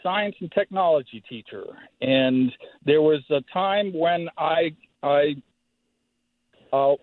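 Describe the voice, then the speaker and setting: Older guy calling in on the phone, real slow, kinda high voice, tinny line. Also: dry recording. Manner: slow and halting, many fillers. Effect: heard over the phone. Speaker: call-in caller, retired teacher.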